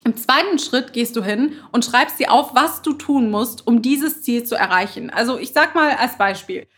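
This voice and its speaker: Her voice a little high, a bit bright and husky, this podcast host speaks expressively at a normal pace. She delivers an unscripted motivational monologue, earnest and emphatic, repeating her phrases often.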